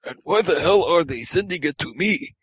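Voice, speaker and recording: A man's voice: on the high side, lively intonation, moderate pace, fairly bright tone, slightly rough, no room sound. A man voicing an irritable retired male fighter who mutters and swears while reading aloud. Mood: grumpy.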